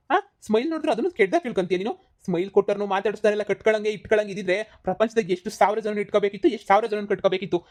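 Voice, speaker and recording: A woman voicing a short-tempered middle-aged husband, scolding rapidly in a cartoon comedy. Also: medium pitch, darkish tone, close to an everyday voice. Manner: scolding, rapid, repeats insults.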